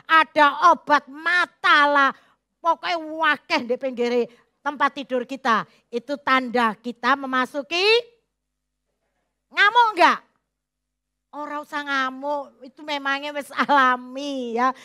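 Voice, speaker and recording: A middle-aged woman pastor gives a folksy sermon full of jokes. Her voice is high and bright. The sound is dry, with no room echo. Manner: folksy, joking, mixes in Javanese phrases.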